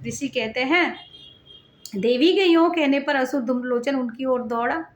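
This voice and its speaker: High-voiced woman explaining scripture. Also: a little slow, reverberant. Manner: explanatory, with frequent rhetorical asides. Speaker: devotional reader and explainer. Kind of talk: scripture recitation with commentary.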